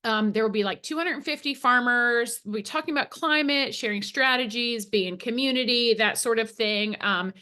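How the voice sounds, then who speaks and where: Woman, bright tense tone, hesitant with many fillers, meeting update. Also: fairly high pitch, normal speed, hardly any pauses, clean tone.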